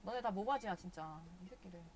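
A woman's voice: medium pitch, expressive, a little fast, slight background noise. A woman streaming a video game live, chatting casually and cursing at the characters in exasperation.

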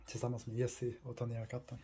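A very tired man narrating a vlog as he climbs a tall tree outdoors to rescue a cat, coaxing it with gentle calls. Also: medium pitch, monotone, a little hiss or hum.

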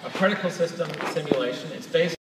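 A man's voice: on the high side, fast talker. A man giving a conversational, explanatory live product demonstration on stage as a presenter. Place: large auditorium stage, recorded from far in audience. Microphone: distant camera picking up PA sound. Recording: echoey large hall, distant, noisy audience recording.

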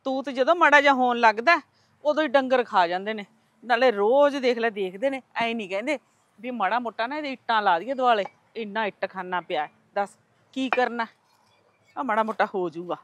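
A middle-aged woman playing a mother-in-law who loudly scolds her quarrelling daughters-in-law. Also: fairly high pitch, brisk, natural voice. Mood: grumbling. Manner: loud, scolding, sharp-tongued. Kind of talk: village family drama acting.

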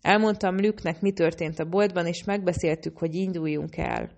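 A calm young man who recounts events in a matter-of-fact way, read by a woman. The voice is very low and gravelly. It is an audiobook reading.

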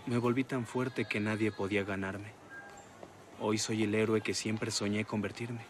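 A man with a Latin American Spanish accent playing a bored, deadpan young superhero in an anime dub. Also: lowish voice, a little slow, slight background noise, natural voice. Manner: flat, deadpan. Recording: music behind the voice.

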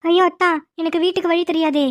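A lovesick young snake-woman in a cartoon, sad and pleading. Her voice is high and tearful. It is recorded dry and close. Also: steady tone, quick pace, no room sound.

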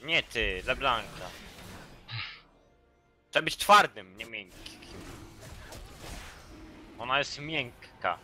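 A man's voice: medium pitch, animated, slow pace, long pauses, pushed and bright, faint music behind. A man playing as a teammate, bossily urging the others on in casual gameplay chat. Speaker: gaming teammate.

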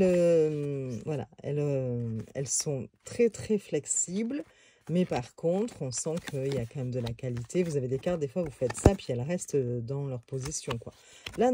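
A woman's voice: sits low, dark tone, a little hiss or hum. A woman casually reviewing a tarot deck on video, talking in a hesitant way with many fillers and restarts.

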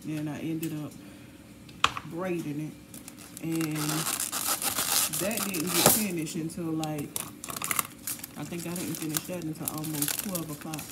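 A low-voiced woman chats casually to her viewers while she works in her kitchen, and she sounds tired. Clear household noise runs behind her voice. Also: steady tone, unhurried, pauses often. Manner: chatty, talks while cooking and cleaning. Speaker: family vlogger. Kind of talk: casual chat. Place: home kitchen.

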